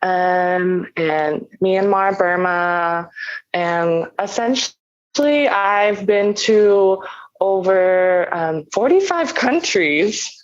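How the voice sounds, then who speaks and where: A woman's voice: lowish voice, lively intonation. Hesitant young woman, dull lo-fi audio. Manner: hesitant, many ums, slow and thoughtful. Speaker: podcast guest. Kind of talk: casual interview.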